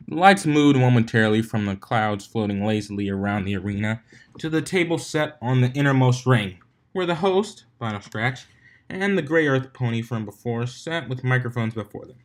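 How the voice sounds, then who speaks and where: Expressive and moderately paced, this mid-range male voice narrates a fan fiction story with distinct character voices. He occasionally fumbles a word and goes back to correct it.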